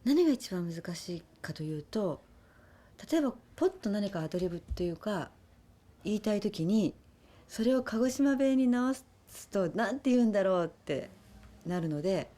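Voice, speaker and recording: Soft-spoken woman, mellow and slightly husky, speaking thoughtfully as an interviewed actress. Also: mid-range voice, expressive, moderate pace. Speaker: actress interviewed about her film. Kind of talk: casual interview answers.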